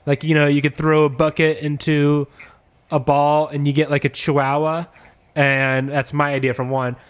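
A man with a slightly high voice, riffing casually through a joke pitch. He rambles, stacking "like" and "you know" as he goes, keeping a loose, unhurried comic delivery. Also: fairly bright tone, smooth. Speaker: comedy podcast host pitching ideas.

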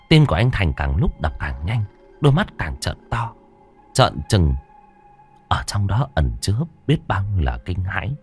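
A man reading a horror story aloud in a dramatic, expressive way. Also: fairly low pitch, slightly rough. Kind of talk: scripted horror story narration.

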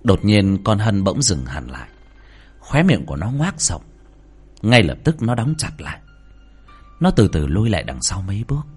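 A man's voice: low-pitched, very animated, normal speed, long pauses, breathy edge. A man reading a horror story aloud in a dramatic, swinging delivery, with faint music underneath. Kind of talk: scripted horror narration.

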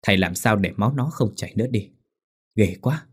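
A man voicing a calm, scheming older woman who pleads in a low voice. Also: brisk, slightly rough. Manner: pleading, cool.

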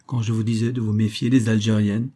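A man's voice: fairly low pitch, flat delivery, a little fast, mellow, natural voice. A man reading the part of a jovial, mocking middle-aged sea captain in an audiobook. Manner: laughing, mocking, familiar.

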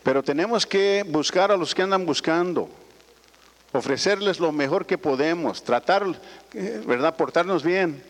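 Older guy telling his life story to a crowd kinda rambly, voice a bit high, big hall echo. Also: normal speed. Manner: folksy, rambling, frequent "¿verdad?" tags. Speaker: speaker addressing business associates. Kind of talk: personal story told to an audience. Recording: long hall reverb.

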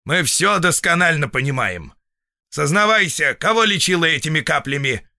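A man's voice: mid-range voice, lively intonation, normal speed, sharp tone, no echo, clean studio sound, voice pushed up. A man voicing a stern, knowing older village medic who scolds in an audiobook. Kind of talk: audiobook reading.

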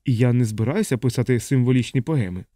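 A man voicing a shy, nervous young army chaplain who speaks in a halting, apologetic way. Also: mid-range voice, warm tone, dry recording, clean studio sound, natural voice. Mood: timid.

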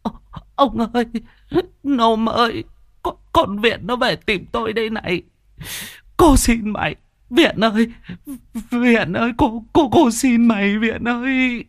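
A man voicing a terrified old grandmother in a spoken ghost story, stammering and wailing in a high, shrill voice. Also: measured pace, dry recording, clean studio sound.

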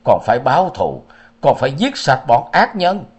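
A man's voice: medium pitch, huge pitch swings, moderate pace. A man reading a story aloud, voicing a proud, angry young swordsman who speaks coldly and defiantly. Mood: vengeful. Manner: cold and defiant. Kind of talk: storybook narration.

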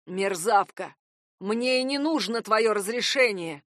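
A woman voicing a desperate, obsessive young man who hisses and growls his lines, hoarse and threatening. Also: medium pitch, animated, unhurried, a bit bright, dry recording, clean studio sound. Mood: obsessive, menacing. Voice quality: hoarse, hissing. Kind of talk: audiobook character voice.

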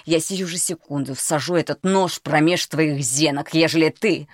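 A woman voicing a tough orphan boy in a storybook, barking threats in a menacing, low voice close to her own. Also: steady tone, normal speed, no echo.

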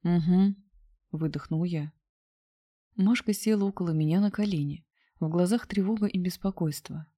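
Low, mellow-voiced woman narrating. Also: normal speed, slightly rough, no room sound. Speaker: audiobook narrator. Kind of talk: scripted narration of a romance novel.

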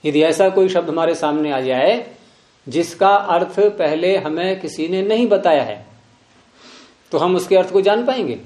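A man's voice: high-pitched, animated, measured pace, darkish tone, roomy sound. A man teaching philosophy to a class, often prompting students with questions. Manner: questioning, repeatedly prompting with "hmm?". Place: room with students present.

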